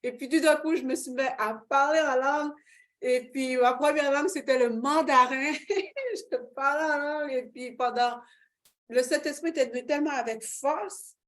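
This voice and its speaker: A middle-aged woman whose voice sits high speaks at a normal speed as an interview guest sharing a fervent personal faith testimony. She is expressive, with frequent fillers and laughs.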